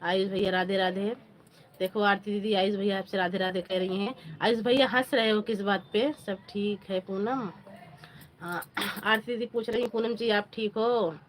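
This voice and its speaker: A woman's voice: mid-range voice, fairly even intonation, normal speed, slight background noise. A woman hosting a casual live stream on her phone, chatting with viewers, greeting them by name and asking for likes. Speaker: livestream host.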